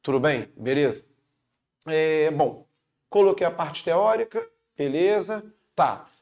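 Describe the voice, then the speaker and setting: A man's voice: on the high side, lively intonation, slow pace, darkish tone. A man with a Brazilian Portuguese accent teaching a casual online grammar lesson, chatty and upbeat, checking in with his students after every point.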